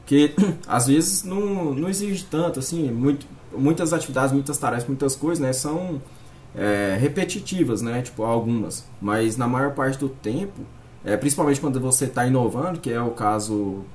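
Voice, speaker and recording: Man, Brazilian accent, mid-range voice, halting conversational explanation, many tag words, faint background noise. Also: mid-range voice, expressive, darkish tone. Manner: halting, filler-heavy explaining with frequent "né" and "tipo". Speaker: podcast guest. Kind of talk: casual discussion.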